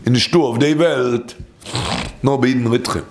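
A man's voice: medium pitch, normal speed, noisy background. A man telling a story and teaching from a midrash in an informal, rambling way, often repeating phrases and restarting.

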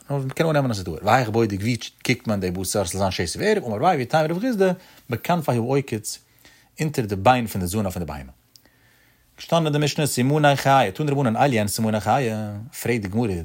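A man gives a religious law lesson at a middle pitch. He teaches in a sing-song study cadence that rises on his rhetorical questions, then drops back to explain. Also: darkish tone.

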